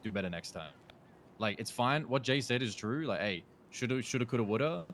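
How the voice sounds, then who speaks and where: A man's voice: mid-range voice, animated, brisk, fairly bright tone, a little hiss or hum. A man reasoning through a group dispute in character, with lots of filler words. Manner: reasoning, filler-heavy, laid back. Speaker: roleplay gang member.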